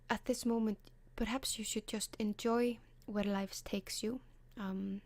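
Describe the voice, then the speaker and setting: An ASMR advice column host, a woman with an Icelandic accent, offers guidance in a near, hushed whisper. Her medium-pitched tone barely rises or falls, and she pauses frequently with gentle ums. There's no room sound at all.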